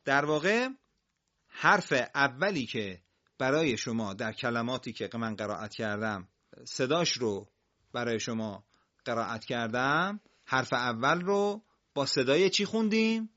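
A man teaching a broadcast classroom lesson on Quran reading, patiently drilling single syllables loudly for his pupils and listeners. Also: mid-range voice, lively intonation, highs cut off.

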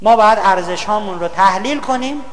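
A man with a high voice gives a lecture on values. He keeps it humorous, telling stories and imitating other people's voices to get laughs. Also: a bit bright. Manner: storytelling, mimicking others for laughs. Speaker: public speaker.

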